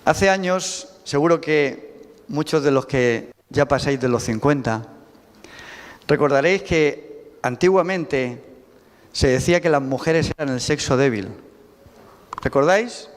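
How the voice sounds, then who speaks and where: A man with an accent from Spain preaches a sermon in a church sanctuary, speaking emphatically and putting rhetorical questions to the congregation. His voice is fairly high, with a measured pace and long pauses. The hall is reverberant, with faint music.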